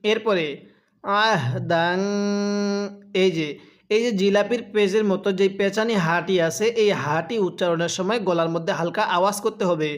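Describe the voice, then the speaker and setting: Man, high-pitched voice, quran teacher, patient, slow drawn-out chanted recitation between explanations. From Bangladesh. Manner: patient, asks and answers his own questions. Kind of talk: step-by-step Quran reading lesson.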